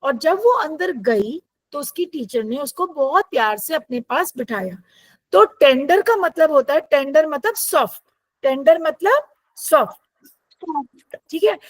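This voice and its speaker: High-voiced woman teaching English. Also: expressive, no echo, rough recording. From India. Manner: reads text lines slowly, then explains with questions to students. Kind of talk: online English lesson explained in Hindi.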